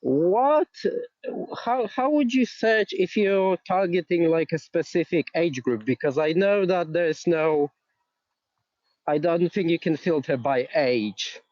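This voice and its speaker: A man's voice: on the high side, takes it slowly, darkish tone, dry recording, lo-fi sound. A man calling in from outdoors while on a walk, asking friendly, hesitant questions over a phone. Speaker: caller. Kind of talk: live online Q&A.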